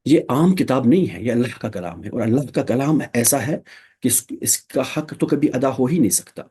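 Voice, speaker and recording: Male religious teacher, mellow raspy tone, patient explainer. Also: medium pitch, animated. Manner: explains patiently, checks understanding with "theek?". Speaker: Tajweed teacher. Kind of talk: Quran recitation lesson, Urdu mixed with English.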